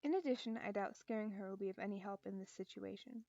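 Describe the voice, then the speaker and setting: A woman's voice: mid-range voice, quick pace, dark tone, no room sound, lo-fi sound, natural voice. A woman voicing a stern, cold doctor who speaks curtly and reprovingly.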